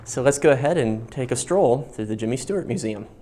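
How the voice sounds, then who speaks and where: A man with a mid-range voice presents a guided history tour on location. He explains things informally, in measured phrases, and stresses key words as he goes. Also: medium pitch, animated. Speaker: host of a history and film channel, guiding a museum tour. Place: inside a museum gallery.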